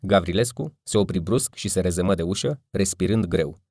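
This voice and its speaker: A man narrating an audiobook in steady, even storytelling. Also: sits low, no room sound, clean studio sound. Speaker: audiobook reader. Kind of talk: scripted narration.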